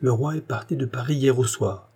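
A man's voice: mid-range voice, fairly quick, dark tone, husky, natural voice. A man voicing a flustered, fussy royal hairdresser who talks in a frantic, wailing rush, in an audiobook reading. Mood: insistent.

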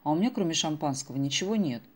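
A woman's voice: deep voice, animated, very fast. A woman reading the lines of a polite, slightly flustered middle-aged man in an audiobook. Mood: teasing.

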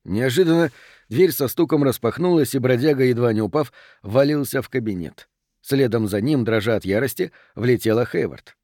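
A man narrates a novel in a measured, even way. His voice sits at a middling pitch. The recording is dry and close, with no room sound. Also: dry recording. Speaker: audiobook narrator. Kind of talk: scripted narration.

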